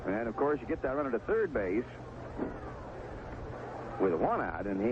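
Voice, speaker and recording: A 1970s radio broadcast carries a man's medium-pitched voice calling a live baseball game, alternating clipped phrases with casual description. The recording is muffled with background noise, made in a stadium broadcast booth on a broadcast microphone with headset earphone monitoring.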